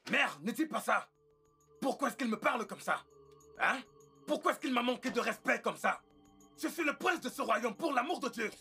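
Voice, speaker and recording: A man's voice: fairly high pitch, lively intonation, normal speed, a bit bright, slightly rough, faint music behind, exaggerated voice. A man dubbing a spoiled young prince who complains indignantly in a dubbed film.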